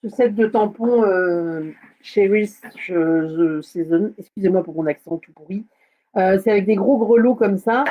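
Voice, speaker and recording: A woman's voice: medium pitch, moderate pace. A woman hosting a casual live craft tutorial, chatting with many fillers and hesitations. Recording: slightly dull lo-fi sound.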